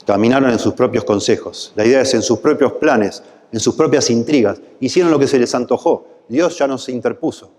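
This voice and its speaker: Rioplatense pastor preaching in a reverberant hall. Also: male voice, medium pitch, fairly quick, few pauses, a little mellow. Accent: Rioplatense Spanish. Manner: impassioned, rising to pleading peaks. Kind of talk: sermon.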